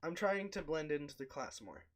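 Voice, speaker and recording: A man talks through his turn in a casual tabletop role-play, his voice sitting a little high. He rambles and drops into brief in-character asides. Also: very animated, moderate pace, slight background noise. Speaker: player.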